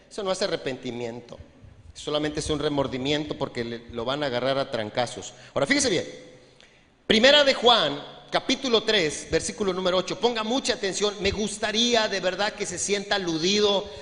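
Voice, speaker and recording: A man preaches a sermon in a high, bright voice, joking with the congregation and acting out little scenes as he goes. His words echo with long reverb through a church hall. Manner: conversational, humorous preaching with frequent asides to the congregation. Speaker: pastor.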